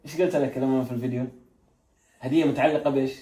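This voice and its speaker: A man with a Saudi Arabic accent chatting warmly with a family, coaxing and laughing often, repeating his phrases. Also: mid-range voice, steady tone, racing. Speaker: youth football coach giving gifts. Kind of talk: casual chat with a family. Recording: roomy echo, faint background noise.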